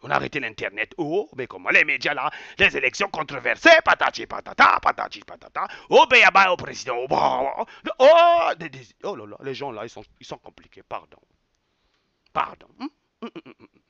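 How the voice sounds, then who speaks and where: A man's voice: a little high, wildly swooping pitch, fairly quick, vocal fry, pushed and bright, no room sound. A man delivers an impassioned rant, repeating words over and over with mocking exclamations. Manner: repetitive, mocking, exclamatory, mixes in local phrases. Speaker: online commentator. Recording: dull lo-fi dry sound.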